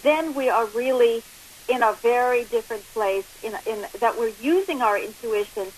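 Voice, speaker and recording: She is in her late sixties, a guest counselor interviewed by telephone, and her explanations come across with emphasis. The voice is fairly high and moderately paced, heard through a hissy, noisy line.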